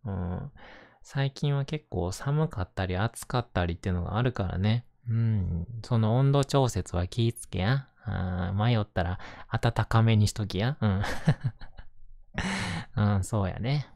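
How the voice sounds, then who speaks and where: A man with a Kansai accent talking gently and casually in a reassuring, intimate ASMR bedtime style, close to the microphone. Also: lowish voice, normal speed, vocal fry, no echo. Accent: Kansai Japanese. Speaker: host reading bedtime picture books to listener.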